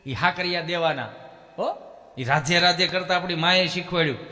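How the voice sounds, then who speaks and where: A man telling folk humor stories on stage with a Kathiyawadi Gujarati accent, animated and breaking into loud calls. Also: high-pitched, normal speed. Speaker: stage comedian. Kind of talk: live folk humor storytelling. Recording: long hall reverb.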